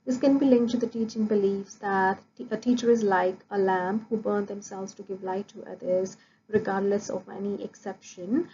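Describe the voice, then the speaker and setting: A woman whose first language is Punjabi, a student, gives a prepared academic presentation for an assessment in a mellow, medium-pitched voice at a moderate pace. She lists points steadily with frequent "uh" fillers. The audio is dull and lo-fi with faint noise.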